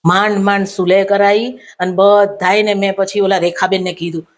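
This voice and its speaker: A woman tells a comic anecdote straight to camera. She recounts it with lively exasperation and raises her voice when she acts out what others said. Her pitch sits in a middle range. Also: moderate pace. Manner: animated retelling, acting out quoted lines in raised pitch. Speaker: comic storyteller.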